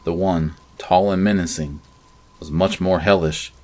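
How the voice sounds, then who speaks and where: A man narrating a scary story in the first person, with measured, dramatic storytelling. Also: low-pitched, steady tone, darkish tone. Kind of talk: scripted horror story narration.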